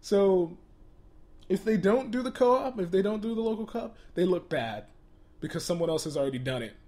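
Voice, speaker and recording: A man's voice: high-pitched, warm tone. A man hosting a casual gaming commentary video, exasperated, often laughing and stumbling over repeated words.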